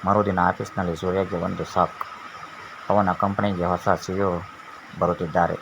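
A man narrating a serialized story in a measured, unhurried reading. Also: sits low, little pitch movement, gravelly. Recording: dull lo-fi with faint hiss.

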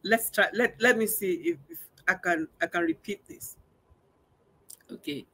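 A woman's voice: medium pitch, a little slow, bright, forceful tone, breathy edge. A woman preaching a sermon, emphatic and repeating phrases for emphasis. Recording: online church stream.

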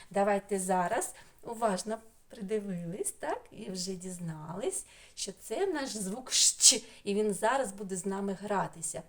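A woman teaching a remote speech lesson to young children, sounding each syllable out clearly in a coaxing way. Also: medium pitch.

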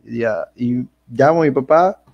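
A young man, a guest telling his story in a casual, animated interview and acting out the dialogue. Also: mid-range voice, unhurried, vocal fry, lo-fi sound. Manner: animated retelling full of quoted dialogue.

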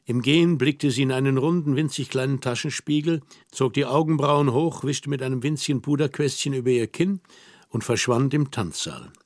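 A man reading a literary novel aloud in a measured, expressive way, recorded close on a studio mic. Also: medium pitch, dry recording. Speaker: audiobook reader.

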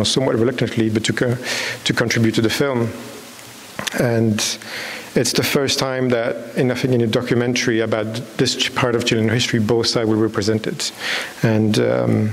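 In a large dark hall, a Belgian man in his thirties who makes documentaries replies unscripted from the stage to an audience, stumbling over false starts as he searches for words. His voice sits mid-range for a man. The room rings with long reverb and a steady, clear hiss.

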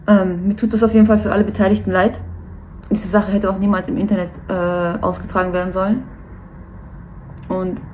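A woman's voice: mid-range voice, darkish tone, slight background noise. A nervous woman giving a personal statement to camera, earnest and hesitant.

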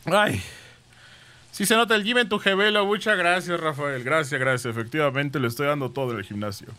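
A man's voice: a little high, a little fast, bright, forceful tone. A man streaming a ghost-hunting game, chatting with viewers and thanking them, with dramatic exclamations. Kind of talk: live game stream with chat.

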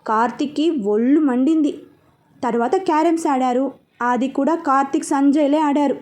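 Brief: woman narrator for a serial story, high voice, steady and even. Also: moderate pace.

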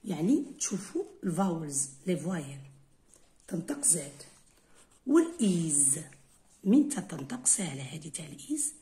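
A woman's voice: sits low, very animated, normal speed, warm tone. A woman English teacher with an Algerian Arabic accent, going through an exam correction step by step and switching between Arabic and English.

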